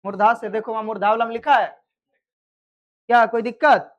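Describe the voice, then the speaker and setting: A woman's voice: a little high, fairly even intonation, fairly quick, muffled recording. A woman teaching a grammar class, quizzing students and checking that they follow. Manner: quizzes students, repeats answers, checks understanding. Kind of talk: live classroom lesson.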